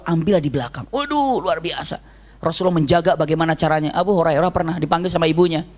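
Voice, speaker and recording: A man preaching a sermon to a congregation, telling stories animatedly and acting out the shouted voices of the people in them. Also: a little high.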